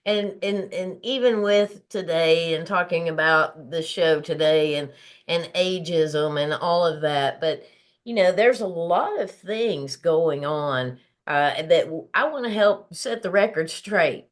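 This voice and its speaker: A woman's voice: on the low side, slow pace. A woman in her fifties hosting a motivational talk show, earnest and encouraging, often laughing as she talks. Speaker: podcast host.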